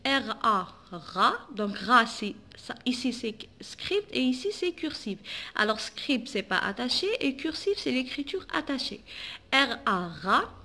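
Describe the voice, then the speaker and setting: Woman teacher w/ algerian french accent, slow careful phonics drill, kinda high voice. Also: big pitch swings, pushed and bright. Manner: slow, syllable-by-syllable spelling out. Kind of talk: phonics lesson for children.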